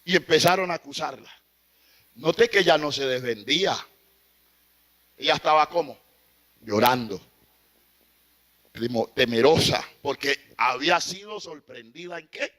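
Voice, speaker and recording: A man preaching an impassioned sermon, swinging from loud exclamations to hushed, pleading asides. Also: on the high side, a little slow, long pauses.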